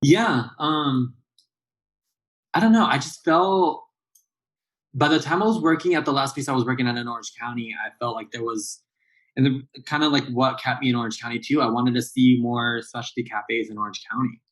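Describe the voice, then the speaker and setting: This Southern California barista, a guy in his late thirties, rambles through a casual interview chat, full of fillers and false starts. He speaks at a normal pace in a mid-range voice, captured on a rough recording.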